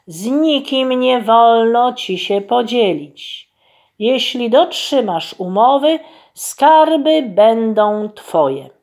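A woman doing a stately enchanted princess. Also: on the high side. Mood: solemn. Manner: slow, solemn, measured. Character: enchanted golden duck princess, regal and stern.

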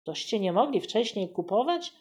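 A woman's voice: medium pitch, big pitch swings, a little mellow, lightly acted. A woman doing a stern dignified governor. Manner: stern, measured pronouncements.

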